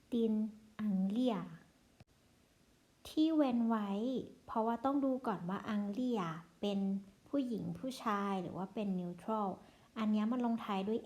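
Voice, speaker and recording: A woman teaching a language lesson, speaking very slowly and deliberately as she drills each word form. Her voice sits a little high, with a soft, mellow tone. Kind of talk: slow spoken language lesson.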